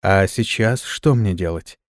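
A man voicing a meek young servant woman in an audiobook, soft and low. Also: steady tone, slow, no room sound, clean studio sound, lightly acted.

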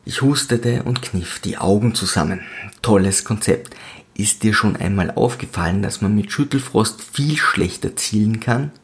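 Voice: medium pitch, normal speed. A narrator telling a fantasy audio story in first person, voicing the main character in a dry, sarcastic way.

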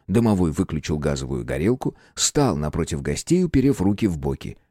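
A man narrating an audiobook in an expressive reading style. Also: rumbling low, a little fast, dry recording, clean studio sound. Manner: expressive reading, acts out voices.

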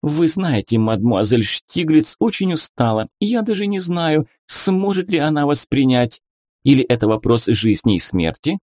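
A man's voice: a little high, big pitch swings, moderate pace, a little mellow, dry recording, clean studio sound, voice pushed up. A man voicing a young nurse in an audiobook, talking in a honeyed, cooing, motherly way. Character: young nurse, sugary, worldly-wise confidante. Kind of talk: audiobook character reading.

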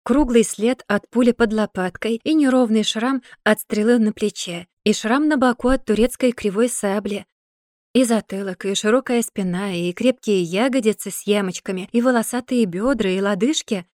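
A woman reads a fairy-tale story in a calm, measured way. Her voice sits at a mid pitch, neither high nor low. The sound is dry and close, with no room around it. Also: dry recording. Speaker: audiobook narrator. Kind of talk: scripted fairy-tale narration.

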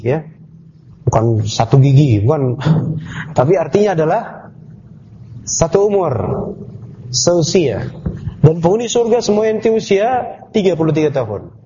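A man's voice: a little high, very animated, moderate pace, long pauses, warm tone, a little hiss or hum. A man teaching a classroom lesson on scripture, explaining terms step by step and asking the class questions. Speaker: Islamic teacher. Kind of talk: classroom tafsir lecture. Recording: dull lo-fi class recording.

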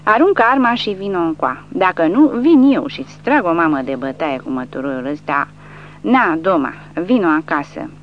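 A woman voicing a brash male army medic who brags and shouts mock threats, in a dull lo-fi recording with a faint hum. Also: fairly low pitch, lively intonation, close to an everyday voice. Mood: shouting. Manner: boastful, mocking shouts.

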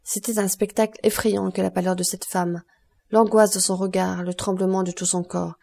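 A woman narrating a classic novel as an audiobook in a measured, expressive storytelling voice. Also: mid-range voice, gravelly.

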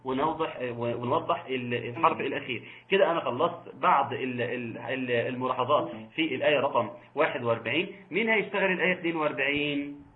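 A man with an Egyptian accent teaching Quran recitation rules online, reciting slowly and patiently correcting his students. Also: mid-range voice, phone-quality sound, a little hiss or hum. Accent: Egyptian Arabic. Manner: slow drawn-out recitation of verse examples, patient corrections.

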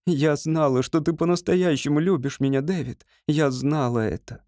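A man's voice: a little high, normal speed, darkish tone, no room sound, clean studio sound, pitched above the performer's own voice, close to an everyday voice. A man voicing a young woman who pleads emotionally with her beloved in an audiobook reading. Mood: tender.

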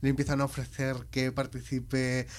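A man from interviewing a writer, asking questions with many hesitant pauses. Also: medium pitch, monotone. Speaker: radio interviewer.

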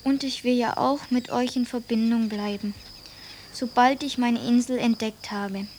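A woman playing an earnest, precocious young boy in a radio play, dictating slowly and deliberately with the punctuation spoken aloud. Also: on the high side, steady tone, darkish tone, a little hiss or hum, natural voice. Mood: earnest, self-important. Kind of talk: German radio play acting.

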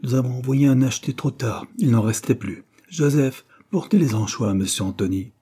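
A man's voice: medium pitch, fairly quick, mellow, slightly rough, voice pushed up, natural voice. A man reading aloud voices an indulgent wealthy mother who soothes her sons at dinner. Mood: soothing.

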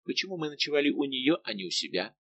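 A man reading the part of a shy, gentle young maid of honour at a royal court, speaking softly and pleadingly. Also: medium pitch, very animated, quick pace, gravelly, muffled recording, voice pushed up, heavily acted. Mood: puzzled.

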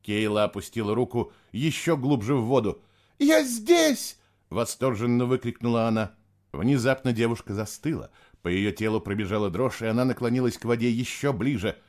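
A man reading a novel aloud in expressive, scripted narration. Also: mid-range voice, brisk. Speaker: audiobook narrator.

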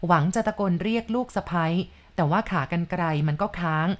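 A woman narrating a ghost story in a calm, polite and measured way. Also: fairly low pitch.

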